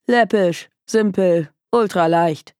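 A woman's voice: fairly low pitch, lively intonation, normal speed, gravelly, darkish tone, no echo, studio quality. A woman voicing an arrogant, bored young male detective who talks in a scornful, dismissive drawl.

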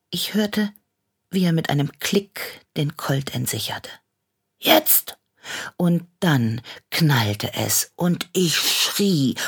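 A woman narrating a story in an intimate, hushed way that keeps sinking into a whisper. Her voice sits low and gravelly, with a husky, breathy grain. She takes her time over each phrase. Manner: intimate, often drops to a whisper. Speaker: story reader.

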